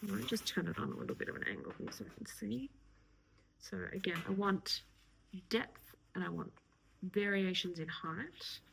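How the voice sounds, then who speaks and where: A woman's voice: medium pitch, normal speed, gravelly, fairly bright tone, a little hiss or hum, rough recording. A woman florist giving a casual step-by-step tutorial, chatty and encouraging, often dropping into a half-whisper as she works. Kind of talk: casual instructional talk while working.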